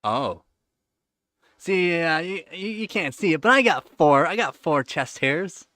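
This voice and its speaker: With a fairly high, sing-song voice that's unhurried, bright and forceful, a livestream host in his thirties chats casually and answers viewers. He rambles, using many fillers and repeated words, and the studio-quality recording has no room sound.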